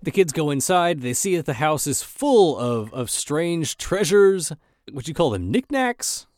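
A man's voice: a little high, big pitch swings, a little slow, darkish tone, no echo, studio quality. A man co-hosting a podcast, casually narrating an episode recap with wry jokes. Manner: wry, joking. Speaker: podcast co-host.

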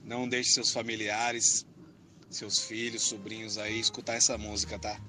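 A man's voice: lowish voice, level tone, normal speed, pushed and bright, faint music behind. A man sending a voice message to a live stream, earnestly warning listeners.

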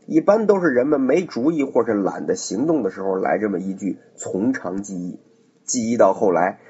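A man's voice: mid-range voice, a little mellow, slightly rough. A man narrating a classic tale in a chatty, casual way, with asides to the listener. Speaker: storyteller. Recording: dull lo-fi recording.

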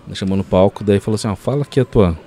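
Chatty low-voiced man storyteller. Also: very fast, slight background noise. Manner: animated storyteller, many fillers like "cara" and "assim, ó". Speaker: guest. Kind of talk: casual podcast storytelling.

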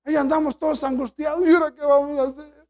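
A man's voice: very high voice, level tone, quick pace, voice pushed up. A preacher voicing a frightened young male servant who pleads and repeats himself in a whiny way. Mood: panicked.

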